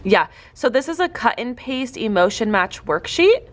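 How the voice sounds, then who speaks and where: A woman's voice: fairly high pitch, sing-song, normal speed. Chatty young woman teacher. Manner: chatty, upbeat, with likes and you-knows. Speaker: teacher and podcast host. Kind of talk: casual tutorial talk.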